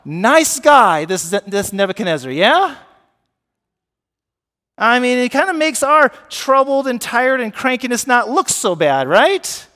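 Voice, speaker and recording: High-voiced pastor preaching in a hall. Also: male voice, unhurried. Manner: animated, asks the congregation questions. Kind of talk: sermon. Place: church sanctuary.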